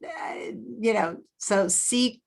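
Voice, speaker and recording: A woman's voice: medium pitch, slow, raised voice. A woman from Argentina, a native Spanish speaker, teaching an illustration class online over a video call with a headset, chatty and given to rambling asides. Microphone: Bluetooth headset on video call.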